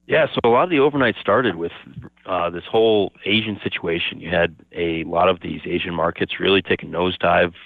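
Deep-voiced man over a phone line. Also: a little fast, vocal fry, no echo. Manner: steady, explanatory, opens answers with "yeah, so". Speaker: market analyst guest. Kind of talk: phone-in market commentary. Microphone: telephone. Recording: tinny phone line, dry.

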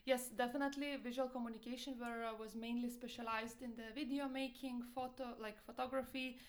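A woman's voice: on the high side, little pitch movement, fairly quick. Young woman with a Lithuanian accent. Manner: hesitant, searching for words, many fillers. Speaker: entrepreneur guest. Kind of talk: interview answers.

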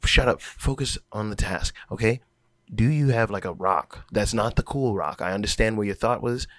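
Rambling low-voiced man at the table. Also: normal speed, no echo. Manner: rambling, repeats himself. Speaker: player. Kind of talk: casual tabletop play.

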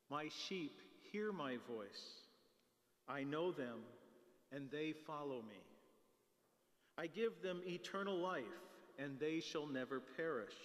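Slow solemn man in cathedral echo. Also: on the high side. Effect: cathedral echo, long church reverb. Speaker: clergy reading the gospel at Mass. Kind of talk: liturgical gospel proclamation. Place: large church during Mass. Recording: distant voice in an echoing church.

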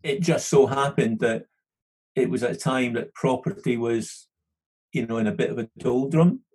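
A middle-aged man from London with a Scottish accent talks as a podcast guest; he works as a studio manager. His husky, darkish, mid-range voice moves at normal speed as he chats casually in an interview, rambling and restarting often.

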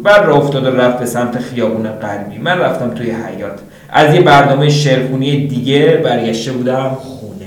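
A man reading a novel aloud as an audiobook narrator in a steady, plain manner, recorded in a roomy space. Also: medium pitch. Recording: roomy, distant mic.

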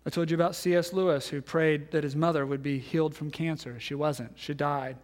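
A man in his thirties, a pastor giving a sermon, telling a story and acting out the voices in it, then dropping to hushed tones. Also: a little high, fairly even intonation, a little fast. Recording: long hall reverb.

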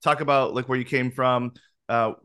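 A man's voice: medium pitch, little pitch movement, normal speed, fairly bright tone, clean tone. A man hosting a casual interview, easygoing, often repeating words as he starts a thought. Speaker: podcast host.

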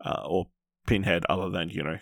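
A podcast host chats casually about films in a review-style conversation. His low voice is brisk, fairly even in intonation, with vocal fry, recorded at studio quality with no room sound.

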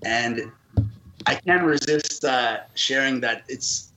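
A man's voice: medium pitch, slow, bright, forceful tone, poor audio. A man from Canada, a podcast guest, telling his story in an earnest, reflective way during a casual interview.

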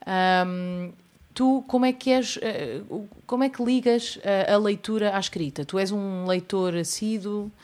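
A woman's voice: medium pitch, a little slow, darkish tone. A middle-aged woman with a European Portuguese accent hosting a casual chat, agreeable and telling anecdotes. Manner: agreeable, chatty, tells anecdotes. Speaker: host and musician. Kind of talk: casual conversation.

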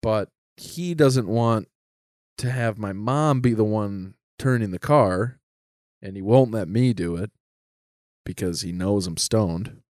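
A man telling a personal story in casual chat, animated, with many "like"s and frequent laughs. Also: on the low side, slow, no echo, clean studio sound. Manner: animated, lots of "like", laughs often.

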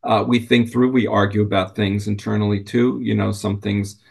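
A man answering as a company executive in an unscripted interview, conversational and halting, often repeating words. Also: fairly low pitch, flat delivery, creaky, a little mellow, slightly rough.

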